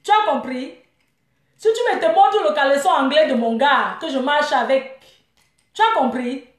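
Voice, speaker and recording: A young woman with a high-pitched voice delivers a scornful, taunting rant straight to camera. Her talk is full of mocking jabs and dismissive asides. The sound bounces around an echoey room. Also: moderate pace. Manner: mocking, scornful, with frequent laughs. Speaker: vlogger.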